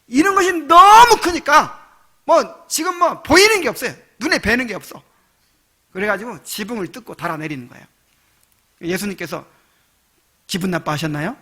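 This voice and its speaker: Man, pastor, sermon, very high voice, lively swings, bright edge, emphatic. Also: moderate pace, pauses often. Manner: animated storytelling preacher, acts out quoted voices, chuckles, rising to shouts.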